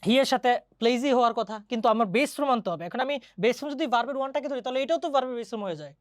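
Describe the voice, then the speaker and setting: A woman teaching an English grammar lesson, chatty and quick, often asking her students questions. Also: fairly high pitch, no room sound, studio quality. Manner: mixes English grammar terms into Bengali. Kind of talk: online exam-prep lesson.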